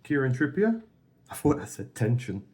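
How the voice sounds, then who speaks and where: A playful man co-hosting a card pack opening. His pitch swings around a lot as he calls out each card in a casual, bantering commentary. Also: very animated, moderate pace, a little mellow. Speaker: co-host opening football card packs.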